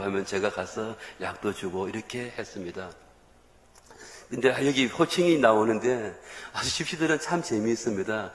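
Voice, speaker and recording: A man, a missionary preacher, telling a story in a sermon and acting out the voices of the people he quotes. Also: mid-range voice. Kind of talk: sermon testimony. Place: church sanctuary. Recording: echoey church hall reverb.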